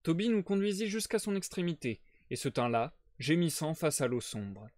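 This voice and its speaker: A man reading a novel aloud on a live stream, narrating steadily and clearly. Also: a little high, big pitch swings, normal speed, darkish tone, no room sound, studio quality. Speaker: reader.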